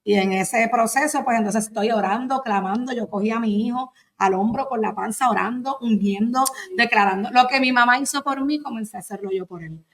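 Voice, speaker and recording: A woman with a fairly high voice tells her faith testimony as a podcast guest. She tells the story with lively animation and slips into the voices of the people she quotes. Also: a little fast, few pauses.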